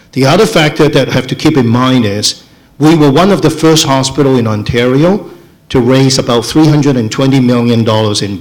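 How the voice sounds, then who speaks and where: A man speaking as a chief executive at a town hall, explaining things in a measured, unscripted way with halting phrasing. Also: medium pitch.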